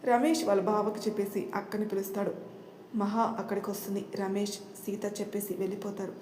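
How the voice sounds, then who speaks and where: A woman narrating an audio story in a steady storytelling read. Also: medium pitch, fairly quick, echoey room, slight background noise.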